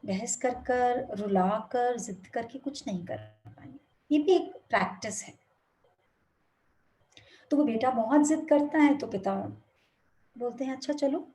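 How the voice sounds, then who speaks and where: Woman storyteller, warm mellow tone, slightly high voice, gentle expressive narration, video call. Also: a little slow, pauses often. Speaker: spiritual speaker. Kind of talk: storytelling talk.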